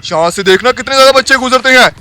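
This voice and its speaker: A man's voice: very high voice, fast talker. A man playing a bossy, bad-tempered male ghost leader who kidnaps children, scolding his sidekick and cackling in a comic skit. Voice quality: scolding, insulting, with cackling laughs. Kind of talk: comic Hindi skit acting.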